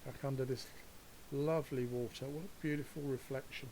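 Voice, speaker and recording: A man in the middle of his range talks his way through a virtual stroll, rambling from one aside to the next. He chuckles at his own trivia and keeps an easy, conversational flow. A soft hiss sits faintly behind the voice. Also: medium pitch, fairly even intonation, a little fast, low-quality recording. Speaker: virtual world guide. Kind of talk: casual walkthrough narration. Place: home setup, voice over a VR headset session.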